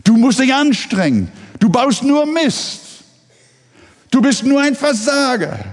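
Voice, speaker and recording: A preacher putting on the shrill voices of scolding adults who lecture a delinquent with hammering reproaches. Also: male voice, very animated, slow, in a large hall, heavily acted.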